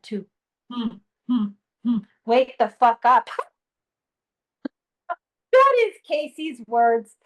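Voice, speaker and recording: A woman channeling an ancient male sage spirit, speaking slowly with humming pauses and casual swearing. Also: a little high, low-quality recording. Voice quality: slow, pausing, humming "mm" between phrases. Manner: calm, teasing, swears casually. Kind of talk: channeling session.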